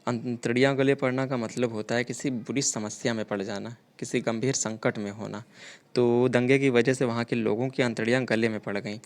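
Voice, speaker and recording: A man's voice: mid-range voice, flat delivery, moderate pace. A man teaching a grammar lesson for exam preparation, explaining correct spellings and idioms, often repeating himself. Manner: repetitive, explanatory, keeps saying 'dekhiye' and 'theek hai'.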